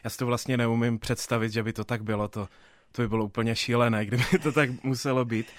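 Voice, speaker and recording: A young man answers interview questions about his work in theatre, hesitating often and restarting sentences. His pitch stays fairly even and flat. The recording is close and dry, with no room sound. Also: no echo. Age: 20s. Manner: thoughtful, hesitant with many fillers and restarts. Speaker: theatre dramaturg.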